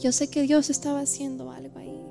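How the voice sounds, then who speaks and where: Woman, 30s, high voice, halting and heartfelt testimony in church over faint music. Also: little pitch movement, vocal fry. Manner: heartfelt, halting, repeats phrases. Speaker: church member giving testimony.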